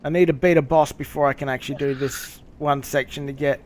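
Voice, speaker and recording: A man streaming a game, chatting casually and explaining things with swearing and halting pauses. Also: medium pitch, steady tone, a little mellow. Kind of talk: casual gameplay commentary and chat.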